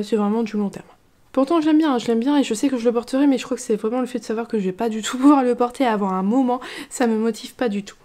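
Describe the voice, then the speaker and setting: Relaxed chatty woman, mellow voice. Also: on the high side. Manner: relaxed, chatty, many fillers and restarts. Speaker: knitting vlogger. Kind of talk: casual chat.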